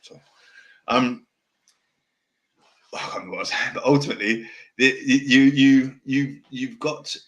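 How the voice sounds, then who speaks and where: A man's voice: mid-range voice, fairly bright tone, highs cut off. Rambling man who says w for r. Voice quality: can't pronounce R's properly, saying w for r. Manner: fast, direct, passionate delivery that can sound angry; rambling, loses his thread and restarts. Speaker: podcast host. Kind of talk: off-the-cuff casual monologue.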